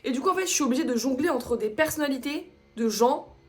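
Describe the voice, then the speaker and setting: A woman's voice: high voice, animated, quick pace, darkish tone. Young woman ranting in slangy vlog. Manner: exasperated storytelling, slangy and profane, drops English phrases. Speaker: vlogger.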